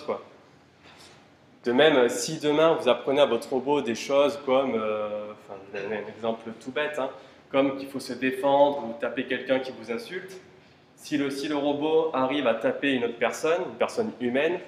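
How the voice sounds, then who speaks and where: A man speaking at normal speed in a medium-pitched voice gives an informal tech conference talk, complete with rhetorical questions and casual fillers. A little hiss or hum sits on the audio. The conference room sounds like a roomy hall with faint ambience.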